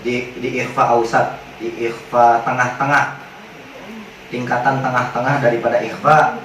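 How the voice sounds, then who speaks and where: A man teaching Quran recitation rules in casual slang, joking with his class and chanting drawn-out examples. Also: a little high, a bit bright, a little hiss or hum. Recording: very echoey hall, mic at a distance.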